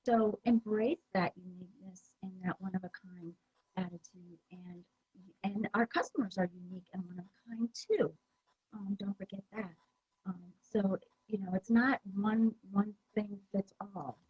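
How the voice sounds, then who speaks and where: A woman's voice: mid-range voice, steady tone, measured pace, slightly rough, no room sound, muffled recording. A woman giving a conference presentation, talking in a conversational way with many fillers and restarts. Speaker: presenter at a user group meeting.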